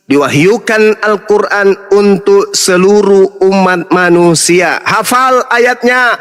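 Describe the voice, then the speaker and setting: Man, high voice, mocking preacher-style delivery, loud emphatic bursts. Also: slow pace, clean tone, big-room sound. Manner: mocking, emphatic, breaks into shouts and laughter. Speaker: Islamic preacher in a debate. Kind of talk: fiery mocking sermon-style talk.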